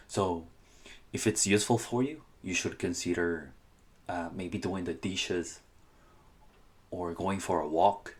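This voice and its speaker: A young man from Honduras with a Spanish accent, giving casual podcast-style scholarship advice, often restarting and correcting himself. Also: deep voice. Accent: Spanish-speaking Honduran. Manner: hesitant, many restarts and self-corrections. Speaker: channel host.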